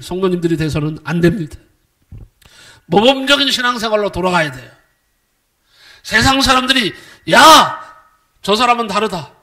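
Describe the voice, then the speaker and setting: Bright high-voiced preaching man. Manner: emphatic preaching with rhetorical questions; acts out quoted voices with sudden swings in loudness. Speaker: pastor. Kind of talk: sermon.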